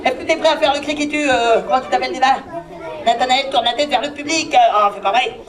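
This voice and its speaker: A woman performing as a clown for children, playfully bossing her volunteer helpers and breaking into comic yelps and shouts. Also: high voice, fast, crowd noise. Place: large indoor hall with a live audience. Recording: live hall recording with loud audience noise.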